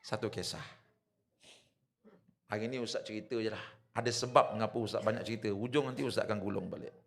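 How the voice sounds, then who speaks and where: A man's voice: fairly low pitch, fast talker, slight background noise. A man with a Malaysian Malay accent preaching in a village prayer hall, telling stories and asking the audience questions. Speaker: religious preacher. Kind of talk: storytelling sermon.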